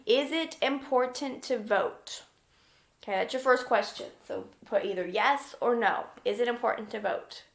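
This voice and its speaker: A woman with a slightly high voice reads aloud to young children at a moderate pace, as an elementary school teacher would. She explains things simply and checks in often while giving instructions, in a read-aloud lesson with questions.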